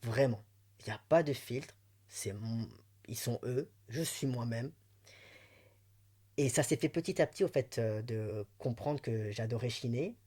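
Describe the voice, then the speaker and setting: A man from Belgium with a light Belgian French accent, talking candidly and with emotion as a guest in a personal interview, chatty and quick to laugh. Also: medium pitch, dark tone.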